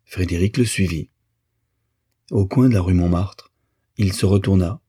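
A man reading a literary novel aloud as an audiobook narrator, in a measured, even way. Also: low voice, breathy edge.

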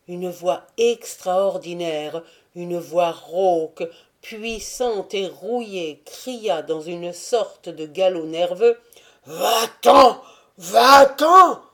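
A woman reading a novel aloud as an audiobook narrator, measured and dramatic. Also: fairly low pitch, dark tone.

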